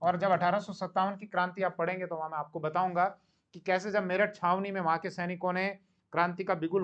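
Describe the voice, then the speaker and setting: A man's voice: high-pitched, a bit bright, dull audio. A man teaching a history lecture in a conversational, storytelling way, often asking a question and then answering it himself. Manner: conversational storytelling, acting out dialogue; asks and answers his own questions. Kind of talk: recorded classroom lecture.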